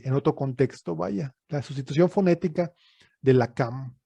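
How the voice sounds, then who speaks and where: A man's voice: mid-range voice, warm tone, dry recording. A man from Yucatán, Mexico, with a Yucatecan Spanish accent, giving a recorded lecture as an archaeologist, explaining step by step with frequent fillers and check-in questions.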